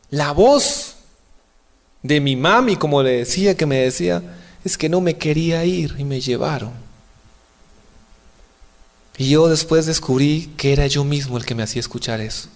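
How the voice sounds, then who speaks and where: A young man preaching an emotional testimony sermon, impassioned and pleading, his voice rising to high cries. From outside Colombia.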